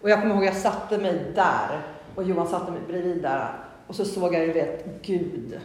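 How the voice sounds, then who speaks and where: A woman giving a candid, earnest personal testimony, rambling with many fillers and restarts. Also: darkish tone. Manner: candid and earnest, with sudden rises in pitch. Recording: very echoey hall with long reverb.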